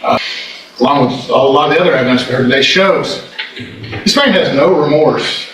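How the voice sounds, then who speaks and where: A man with a slightly high, somewhat bright voice delivers a courtroom closing argument at a moderate pace, speaking as a prosecutor in an emphatic, condemning way. The recording comes from an echoey indoor courtroom, captured by a distant mic with background noise.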